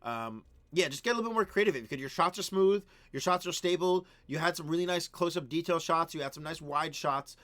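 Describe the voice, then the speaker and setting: A man's voice: fairly high pitch, fairly quick, hardly any pauses, fairly bright tone. Chatty male streamer giving video feedback. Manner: chatty, frequent "um" and "right?", coaching tone. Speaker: live stream host reviewing viewer videos. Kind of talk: casual live-stream commentary.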